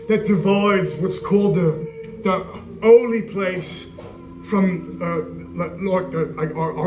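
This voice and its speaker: Earnest Roman centurion played by a man, eyewitness monologue, slow and halting, dull echoey stage sound. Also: high voice, a little mellow, pitched above the performer's own voice. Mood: urgent. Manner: halting, stammering retelling. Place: church hall. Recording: echoey hall, dull sound, faint music.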